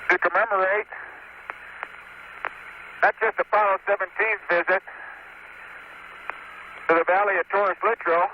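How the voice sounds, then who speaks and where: A man speaking as an astronaut in a measured, solemn formal address, heard over a crackly space radio transmission. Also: high voice, fairly even intonation. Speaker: astronaut on the lunar surface. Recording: noisy, muffled radio link.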